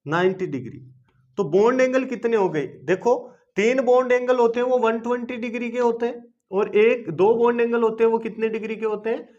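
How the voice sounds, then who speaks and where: Man, very high-pitched, chemistry lesson, repetitive coaxing delivery, muffled recording. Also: steady tone, a little fast, a little mellow. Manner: asks questions and answers them himself. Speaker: chemistry teacher. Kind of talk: classroom-style video lesson. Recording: dull lo-fi video lesson recording.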